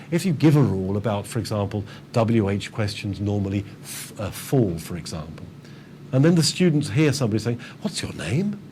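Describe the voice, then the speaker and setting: A man's voice: mid-range voice, darkish tone, slight background noise. A man training teachers in a webinar presentation, enthusiastic and chatty, with frequent ums and repeated words. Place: online webinar.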